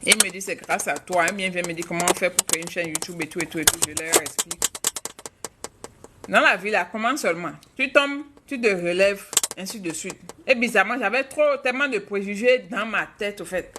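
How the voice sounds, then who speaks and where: A woman's voice: mid-range voice, a little fast, fairly bright tone, slight background noise. A woman from Africa, a mother, hosting a live stream and chatting frankly with viewers while answering their questions. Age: adult, mother of a child.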